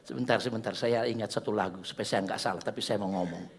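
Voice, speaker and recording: A man preaching a church sermon, joking with the congregation and swinging from soft asides to loud exhortation. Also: lowish voice, fast talker, vocal fry, in a large hall. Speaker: pastor.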